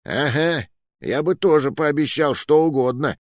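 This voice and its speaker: A man's voice: a little high, measured pace, dry recording, studio quality, voice pushed up, close to an everyday voice. A man voicing a short, fat, hot-tempered rogue who snaps and grumbles, in an audiobook. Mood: irritable. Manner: snappish, grumbling. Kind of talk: audiobook narration.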